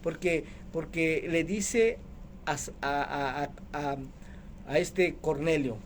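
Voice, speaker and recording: A man's voice: fairly high pitch, slow pace, a little hiss or hum. A man preaching a radio sermon as the program's host, emphatic, asking rhetorical questions and calling listeners brother.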